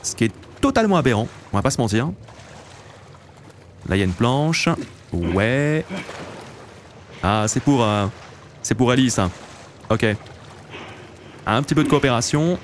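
A man's voice: medium pitch, sing-song, measured pace, pauses often, slight background noise. A man in his late twenties, hosting a let's play and chatting casually to viewers while he plays. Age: late 20s. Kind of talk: casual gameplay commentary.

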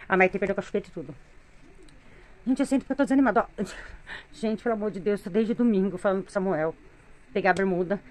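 A woman's voice: medium pitch, a little mellow. A middle-aged woman with a Brazilian Portuguese accent venting in a weary, complaining tone in a casual home vlog, filmed on a phone in her living room. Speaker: vlogger, mother of three.

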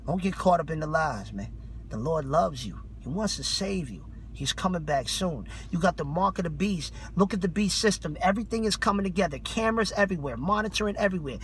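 A man's voice: high-pitched, animated, fairly quick, slight background noise. A man in his thirties, a street preacher giving an off-the-cuff sermon in colloquial slang with urgent, fanatical zeal. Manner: fervent, fanatical religious zeal, urgent and exhorting. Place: inside a parked car.

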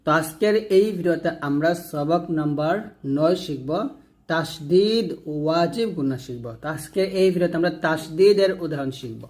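A man teaching Quran reading, spelling out letters slowly and then blending them into words for viewers to repeat. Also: fairly high pitch, darkish tone. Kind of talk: step-by-step recitation lesson.

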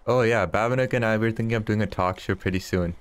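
Fast and smooth, on the low side, with a dry recording: a man around thirty chatting live while playing a fishing game. He keeps chuckling as he ribs his viewers.

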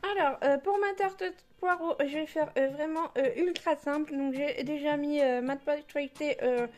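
A woman's voice: high voice, fairly even intonation, moderate pace, darkish tone. A woman in her thirties casually talking through a home cooking tutorial in her kitchen, chatty and full of fillers. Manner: chatty, many fillers, laughs at herself. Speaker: home cook vlogger.

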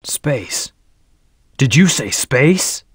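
A man's voice: mid-range voice, very animated, drawn-out words, breathy edge, no room sound, clean studio sound, exaggerated voice. An actor playing a brooding, aloof hedgehog antihero in a video game, terse, serious and commanding as he leads his team. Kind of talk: English video game voice acting, short battle callouts.

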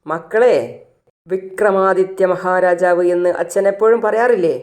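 A man's voice: high voice, steady tone, unhurried. A narrator voicing a proud, jovial father who boasts about his son.

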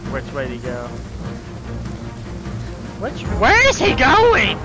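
Excitable, foul-mouthed male game streamer. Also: sits high, takes it slowly, over loud music, low-quality recording. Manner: excitable, swears constantly, yells at the game. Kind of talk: live gameplay commentary.

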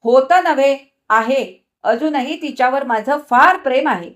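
A woman's voice: high voice, measured pace, voice pushed up. A woman voicing an angry, scornful husband in a storybook reading, sneering and biting.

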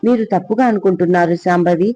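Worried mother in a storybook, a man putting her on, high and quick. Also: warm tone, lo-fi sound, natural voice. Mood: defensive. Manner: pleading, then stern.

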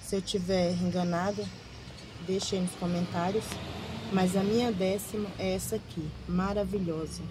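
A woman's voice: lowish voice, steady tone, normal speed, background noise. A woman vlogger showing her plants, gushing and repeating words of praise in a casual show-and-tell. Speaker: gardening vlogger.

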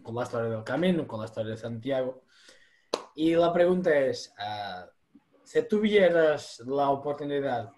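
A man's voice: medium pitch, dark tone. A young man from Portugal with a Portuguese accent, hosting an interview in Spanish over a video call, eager and restarting often. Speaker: host. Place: small room at home. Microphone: webcam on video call.

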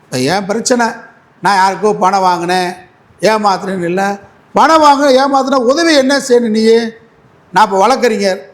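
A man's voice: high voice, normal speed, long pauses, a bit bright. A man speaking as an advocate in a heated political interview, combative and mocking, repeating his points.

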